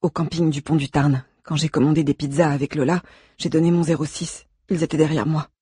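A man's voice: on the high side, flat delivery, fairly quick, warm tone, husky, no echo, studio quality. A male narrator plays a desperate, fierce mother, urgent and commanding. Her lines come raised and tense.

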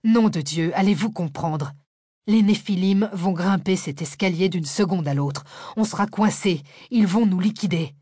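A woman's voice: medium pitch, normal speed, a little mellow, dry recording, clean studio sound, close to an everyday voice. A woman narrating an audiobook voices a tense, armed male fugitive who speaks in urgent, clipped commands. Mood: agitated.

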